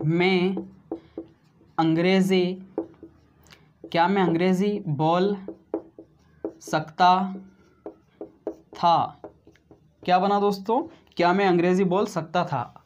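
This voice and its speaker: Heard through lo-fi sound, a man with a high voice teaches grammar on video at a slow, deliberate pace. He addresses viewers as friends, promises a step-by-step explanation, repeats each example and tacks on "right?" again and again.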